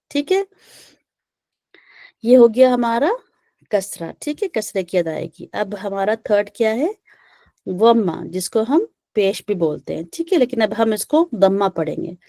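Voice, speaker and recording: A woman's voice: mid-range voice, very animated, warm tone, no echo, studio quality. A woman teaching recitation in an online class, patiently drilling short vowel sounds and checking with students. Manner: patient, repeats "theek hai" often, drills sounds slowly. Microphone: video call.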